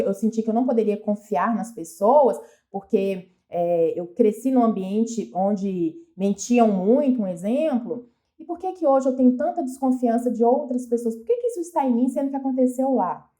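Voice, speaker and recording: A woman's voice: fairly high pitch, animated, moderate pace, dark tone. A woman with a Brazilian Portuguese accent giving an earnest, reflective motivational talk, often asking herself questions aloud. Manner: earnest, asks herself many questions, frequent restarts. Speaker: self-help speaker.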